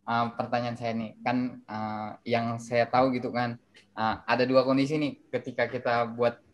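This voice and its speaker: A man's voice: medium pitch, level tone, normal speed, dull audio. Young guy asking a question, lots of umms, kinda unsure. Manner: hesitant, many fillers. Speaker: audience member asking.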